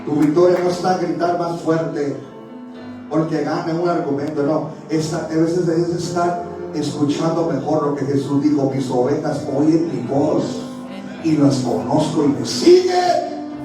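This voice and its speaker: A church elder delivers an impassioned sermon, dropping to hushed tones and then rising to shouts. His voice sits a little high and carries from a distance through a very reverberant sanctuary. Instrumental music plays clearly underneath. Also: steady tone, a little slow. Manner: impassioned preaching, swinging between soft and shouted. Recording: echoey church hall from far off, music behind.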